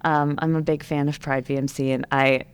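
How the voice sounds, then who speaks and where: A woman's voice: low-pitched, little pitch movement, normal speed, smooth. A woman interviewing a guest, enthusiastic and talking at length in a rambling way. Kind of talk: conversational interview.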